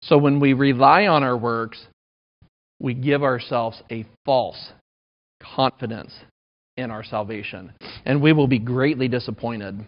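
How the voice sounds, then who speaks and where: A man's voice: medium pitch, a little slow. A man in his thirties preaching a sermon in a conversational, self-deprecating way. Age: 30s. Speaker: pastor. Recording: dull lo-fi recording.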